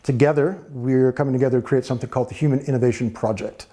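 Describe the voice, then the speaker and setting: A man from the United States with an American accent, a guest in a studio interview, talking in a thoughtful, measured way with frequent fillers. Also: mid-range voice, steady tone, dark tone. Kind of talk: relaxed interview talk.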